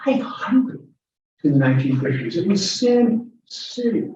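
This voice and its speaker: His voice sits high and sing-song, warm and a little slow. He is a guest lecturer answering audience questions in a chatty, digressive informal Q&A, chuckling along the way. The lecture room recording is distant, echoey and muffled, with slight background noise.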